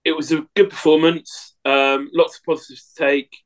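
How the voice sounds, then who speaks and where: A man's voice: on the high side, little pitch movement, normal speed. A man giving short, plain answers on a casual football podcast. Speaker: podcast co-host.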